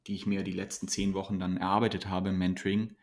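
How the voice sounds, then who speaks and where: A man's voice: low voice, flat delivery, fast. A man, a mentoring coach, giving earnest, motivational answers in a podcast interview, often restarting his sentences.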